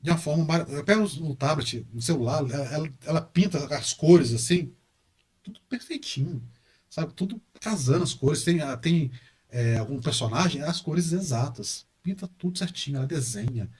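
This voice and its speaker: Animated Brazilian man with a higher voice. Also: moderate pace. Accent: Brazilian Portuguese. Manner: animated, repeats words for emphasis. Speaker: guest, university professor and engineer. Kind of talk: casual podcast interview.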